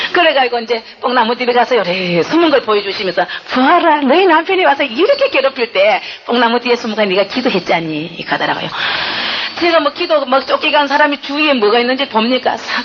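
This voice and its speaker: An older woman with a Gyeongsang Korean accent gives a church testimony at a rapid clip. Her voice sits fairly high and her storytelling is animated and tearful. The recording is a bit dull, with faint noise underneath. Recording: dull, slightly noisy recording.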